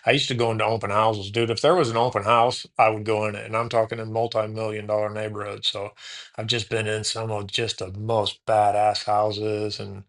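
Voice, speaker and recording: A man's voice: on the low side, little pitch movement, a little fast, fairly bright tone. A man in his late forties from Houston, a podcast host telling his story in a casual, rambling way, often correcting himself and saying "man" and "dude". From Houston, USA. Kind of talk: casual storytelling interview answers.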